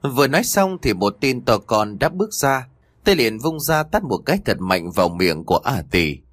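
A man narrating an audio story in an expressive, dramatic manner. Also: medium pitch, normal speed, dry recording.

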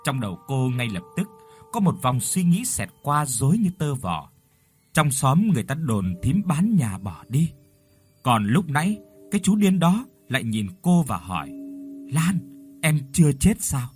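A man narrating a ghost story in an expressive, dramatic storytelling manner. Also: mid-range voice, moderate pace, soft background music. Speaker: audiobook narrator.

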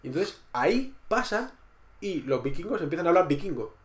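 A man's voice: fairly high pitch, big pitch swings, brisk. A man co-hosting a podcast, chatting casually about a TV series, rambling with many restarts and repeated words. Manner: acts out characters' lines in quotes. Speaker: podcast co-host reviewing a TV series. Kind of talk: casual chat.

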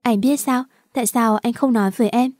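A woman's voice: a little high, brisk, a little mellow, no echo, studio quality, natural voice. A woman voicing a sobbing young lover. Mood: trembling. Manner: tearful, pleading. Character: grief-stricken young woman pleading with her lover.

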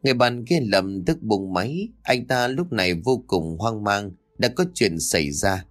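A man's voice: on the low side, expressive, normal speed, faint music behind. A man narrating a ghost story in a dramatic, suspenseful way.

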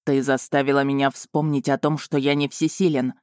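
A woman voicing a proud, brooding male dragon lord who speaks in a cool, measured, slightly mocking way. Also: very deep voice, little pitch movement, darkish tone, no echo, studio quality. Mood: calm.

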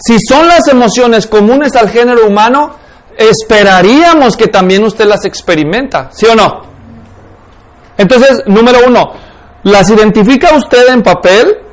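A man's voice: high voice, lively intonation, measured pace. A man teaching a class in a lecture on spiritual life, constantly questioning his students. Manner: keeps asking the class questions.

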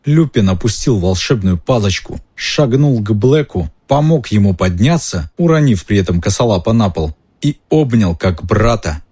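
A man reading a novel aloud in a steady, measured narrating voice. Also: lowish voice, husky. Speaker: audiobook reader.

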